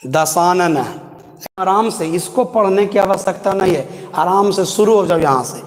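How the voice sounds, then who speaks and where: High-voiced teacher chanting slowly. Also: male voice, long reverb tail. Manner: chants phrases slowly for pupils to repeat; affectionate, addresses students as bauaa and babu. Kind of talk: online grammar lesson.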